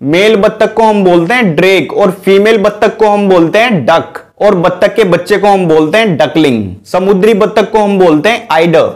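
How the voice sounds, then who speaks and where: A man's voice: sits high, normal speed, few pauses. A man teaching English vocabulary to viewers in a chatty way, often calling them guys and correcting himself as he goes. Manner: chatty, keeps saying "guys"; corrects himself mid-lesson.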